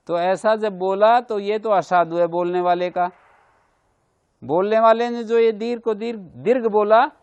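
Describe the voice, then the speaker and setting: A man's voice: high-pitched, a little mellow. A man teaching a Sanskrit grammar class, patiently explaining points and repeating examples. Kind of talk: classroom lecture.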